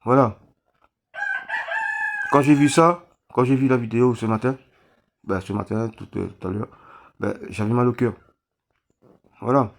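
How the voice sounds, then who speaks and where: Man pleading haltingly from Réunion. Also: mid-range voice, creaky. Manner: halting, many restarts and fillers, pleading. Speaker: vlogger appealing for donations. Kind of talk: emotional appeal to camera.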